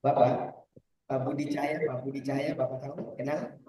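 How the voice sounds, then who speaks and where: A man's voice: mid-range voice, level tone, normal speed, dark tone. A man repeating short phrases, his voice echoing so heavily that it is hard to make out. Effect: voice echoes heavily, hard to make out. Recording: echoey room heard from far off.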